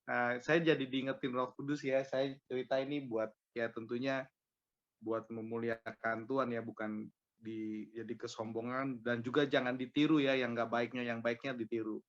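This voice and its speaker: A man shares a personal testimony in a relaxed, chatty way, stacking up filler tags as he tells the story. His pitch sits in the middle of the male range. The recording sounds dull and lo-fi. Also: normal speed. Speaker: small-group member sharing a testimony.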